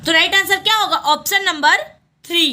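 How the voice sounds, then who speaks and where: A woman teaching a Hindi exam lesson, going through questions and repeating each answer back as a quick question and reply. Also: extremely high pitch, sharp tone.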